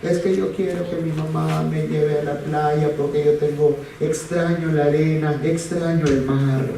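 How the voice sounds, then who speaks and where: Un hombre que imita a un niño de cinco años en pleno berrinche, suplicando con voz quejumbrosa e insistente, grabado de lejos en una sala con eco y ruido. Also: male voice, on the high side, level tone, a little slow, gravelly, mellow, pitched above the performer's own voice. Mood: whiny pleading. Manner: pleading, insistent whine. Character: whiny five-year-old boy throwing a tantrum. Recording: echoey room from far off with noise.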